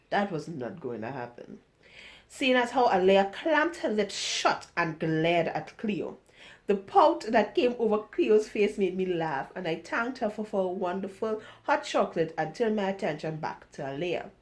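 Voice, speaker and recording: A woman reading the first chapter of her own novel aloud, expressive and storytelling, with chatty asides. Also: medium pitch.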